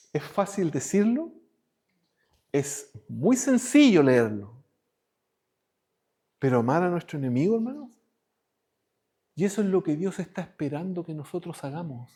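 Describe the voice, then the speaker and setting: A man preaching a sermon as pastor, moving between raised, emphatic lines and hushed ones. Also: on the high side, sing-song, a little slow, long pauses, breathy edge.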